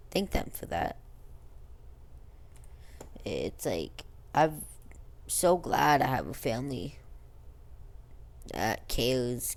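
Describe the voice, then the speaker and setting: A young female vlogger with a low voice talks slowly through a casual, unscripted life-story chat over gameplay. She rambles in slang and stumbles over words, and a clear speech impediment turns her R sounds into W.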